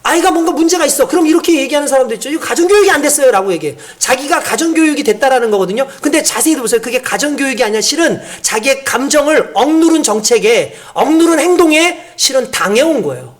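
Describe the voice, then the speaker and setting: A man's voice: very high voice, fast talker, few pauses. A male pastor preaching a sermon who often puts questions to the congregation. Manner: animated, asks the congregation questions.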